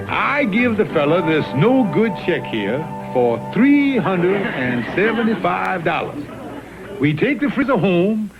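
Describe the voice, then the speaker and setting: A man voicing a pompous, sputtering, scheming old colonel in a cartoon, with a Southern US accent and blustering delivery. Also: sits high. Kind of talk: 1960s TV cartoon comedy acting. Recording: muffled vintage TV soundtrack with music.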